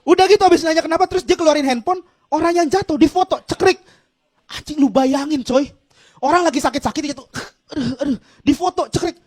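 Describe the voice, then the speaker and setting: High-pitched ranting male Jakarta stand-up comic. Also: a little fast, a little mellow. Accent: Jakarta Indonesian. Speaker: stand-up comedian. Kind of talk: stand-up comedy routine.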